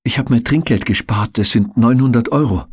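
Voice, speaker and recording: A man with a husky voice voicing a battered, desperate and defiant young woman, in an audiobook. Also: mid-range voice, fairly quick, a little mellow, no echo, clean studio sound, voice pushed up, natural voice. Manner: urgent, bitter pleading.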